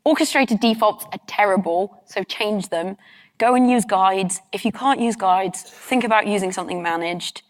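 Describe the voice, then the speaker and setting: A woman's voice: mid-range voice, moderate pace. A woman giving a conference talk on stage and answering questions, candid and chatty, with frequent ums. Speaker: conference speaker. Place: conference hall.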